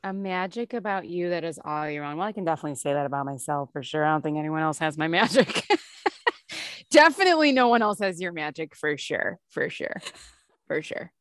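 A woman hosting a casual podcast chat, her voice sitting a little low and her delivery playful and quick to laugh. The sound is close and dry, with no room around it. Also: no room sound. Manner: playful, laughs often, jokey asides. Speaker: podcast host.

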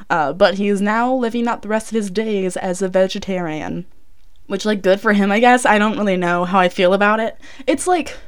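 A woman's voice: medium pitch, clean tone. Young woman recording inside a closet. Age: young adult. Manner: rambling, chatty, frequent fillers and self-corrections. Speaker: college student vlogger. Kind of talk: casual true crime storytelling. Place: small clothes closet, recording indoors.

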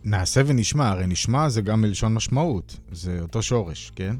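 A man's voice: on the low side, animated, a little mellow, faint music behind. A man hosting a panel discussion, talking casually with hesitant fillers. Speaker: host.

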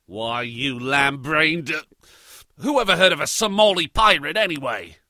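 An actor playing a cheeky, boastful adventurer who speaks with an Australian accent and a lot of slang. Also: male voice, on the high side, normal speed, bright, forceful tone, dry recording, clean studio sound. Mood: indignant. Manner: brash, joking, full of slang. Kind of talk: audio drama acting.

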